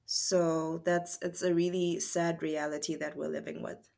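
A woman with a Zimbabwean accent co-hosting a podcast, speaking in a thoughtful, measured way. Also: deep voice, flat delivery, creaky, warm tone. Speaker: podcast co-host. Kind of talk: casual discussion.

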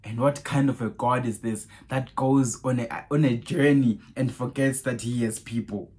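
A man's voice: mid-range voice, moderate pace, a little hiss or hum. Man preaching, fired-up and repetitive. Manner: rhetorical questions, keeps saying "guys" and "right?"; animated, raises voice on Bible quotes. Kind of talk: podcast sermon.

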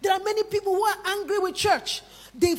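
High-voiced woman preaching in a hall. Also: steady tone, fairly quick. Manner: emphatic, calls the congregation to respond aloud. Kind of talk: sermon. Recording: long reverb of a large hall.

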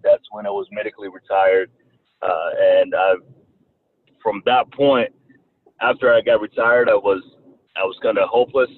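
Man with a slight Southern twang, tinny line. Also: fairly low pitch. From Rwanda. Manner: halting, repeats words often. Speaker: guest. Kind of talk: casual interview talk. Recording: tinny phone-like line, faint noise.

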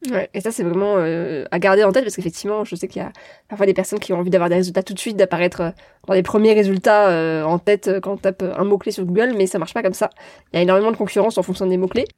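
A woman hosting a podcast interview, friendly and quick to laugh. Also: medium pitch, steady tone, darkish tone. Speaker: podcast host.

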